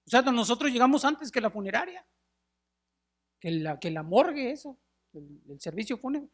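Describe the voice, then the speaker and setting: A man's voice: very high voice, moderate pace. A middle-aged man preaching a sermon in a church, telling stories with animation and calling his listeners brothers. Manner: animated storytelling, acts out wailing mourners; addresses listeners as brothers, drops in English words. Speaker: pastor. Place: church sanctuary.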